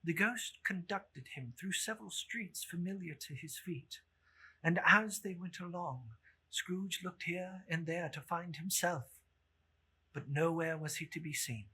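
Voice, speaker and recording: Very husky, measured dramatic narrator. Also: medium pitch, sharp tone. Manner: theatrical, measured. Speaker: story narrator. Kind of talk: dramatic literary reading.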